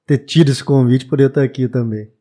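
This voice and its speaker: A Brazilian bookshop owner in his late twenties reflects as a guest on a casual podcast interview, sometimes restarting hesitantly. His medium-pitched voice is steady and warm, and he talks quickly.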